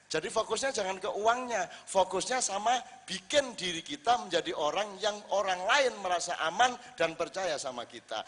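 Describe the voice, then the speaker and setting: High-voiced preacher man in a reverberant hall. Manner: lively, rhetorical questions, acts out quoted lines. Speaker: Islamic preacher. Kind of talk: religious talk to a live audience.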